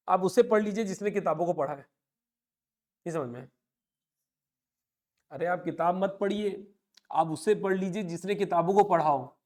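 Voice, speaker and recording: Male coaching teacher, 30s, higher-pitched voice, chatty and motivating, calls on students by name. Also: a little mellow. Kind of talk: live online class lecture.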